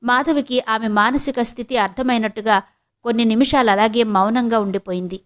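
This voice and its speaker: A woman from India, a channel host, reading an audio novel in a soft, steady storytelling voice. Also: on the high side, brisk. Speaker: audiobook narrator. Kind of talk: scripted audio novel narration.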